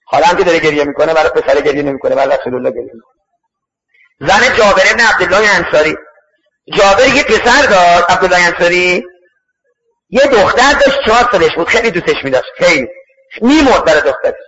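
High-voiced preacher telling stories. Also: male voice. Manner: animated, acts out voices in the story. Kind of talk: storytelling sermon. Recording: echoey, dull lo-fi recording.

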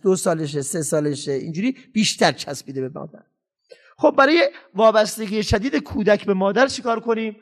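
A man giving a parenting lecture to an audience, emphatic and acting out parents and children as he speaks. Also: high-pitched.

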